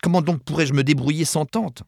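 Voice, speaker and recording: A man's voice: fairly even intonation, fairly quick, gravelly, a little mellow, dry recording, clean studio sound. A man reading an audiobook, putting on a delicate, fussy young woman who exclaims and pleads in a raised voice. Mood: dismayed. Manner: high, exclaiming, imploring. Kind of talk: audiobook character voice.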